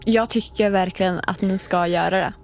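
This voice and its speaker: A woman's voice: mid-range voice, steady tone, gravelly. A woman co-hosting a podcast, mostly listening and answering with short replies in a casual chat. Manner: attentive listener, short backchannels.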